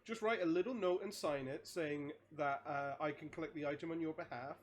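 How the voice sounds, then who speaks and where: A man's voice: fairly high pitch, fairly quick. A man playing a tabletop game, talking casually and rephrasing as they go.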